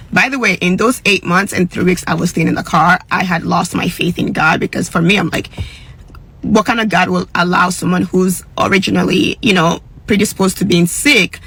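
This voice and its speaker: A young woman giving an emotional, earnest personal testimony, with a husky voice. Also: fairly low pitch, fairly bright tone, rough recording. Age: young adult. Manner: emotional, earnest, with sung passages. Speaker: storyteller.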